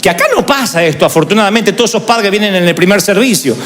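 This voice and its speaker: A man's voice: sits high, fast talker, in a large hall. A middle-aged man preaching a sermon and mixing humor with personal stories. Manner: animated, humorous storytelling. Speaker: pastor.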